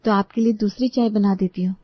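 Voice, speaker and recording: A modern young daughter-in-law, voiced by a woman in a cartoon story, polite but firm, in an even, mid-pitched voice. The sound is dull and lo-fi and very dry. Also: a little fast, dry recording, natural voice.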